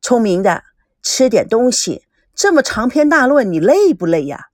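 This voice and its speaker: An easygoing older brother who runs a business, jovial and fond of his kid sister, as a woman reader plays him. The delivery is lively and close, with a dry sound. It is told as an audiobook part. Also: a little high, normal speed, dry recording. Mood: genial.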